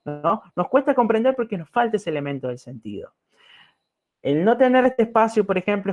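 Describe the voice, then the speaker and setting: A man lecturing to students in a reflective way, often checking in with his listeners, with an Argentine Spanish accent. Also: high-pitched. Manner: reflective, addresses listeners with frequent "¿no?" and fillers. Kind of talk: recorded talk to students.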